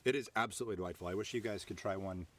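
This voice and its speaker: A man's voice: low voice, rapid-fire. A man hosting a live stream show, chatting casually and joking, with plenty of filler words. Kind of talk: casual chat.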